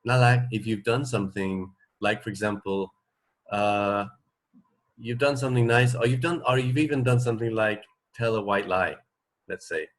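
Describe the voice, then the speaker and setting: A radio co-host in his forties chats casually and without a script, explaining things. His fairly low voice moves in a halting, rambling way, often trailing off before a thought is finished.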